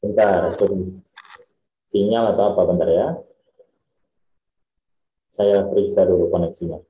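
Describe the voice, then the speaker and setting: A very low-voiced man hosts a video call and welcomes participants by name. His audio comes through echoing and droning, and it keeps breaking up. The sound is dull and muffled, as if from a roomy space. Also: fairly even intonation, a little slow. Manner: welcoming, reads out participants' names. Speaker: online meeting host. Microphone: computer or phone on a video call.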